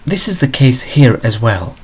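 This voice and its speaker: A man's voice: medium pitch, big pitch swings, normal speed, darkish tone, husky. A man hosting a spiritual advice show, answering a viewer question in a blunt, digressive way.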